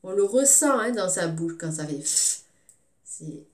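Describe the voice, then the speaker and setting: A woman teaching a recorded phonics lesson to young children, sounding out syllables slowly and clearly. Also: mid-range voice, expressive, echoey room. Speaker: kindergarten teacher.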